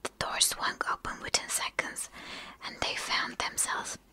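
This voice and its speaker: A woman whispering quickly as she reads a story aloud for ASMR, a native Turkish speaker who sometimes stumbles over and repeats words. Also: bright, forceful tone. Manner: fast whispering. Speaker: ASMR reader.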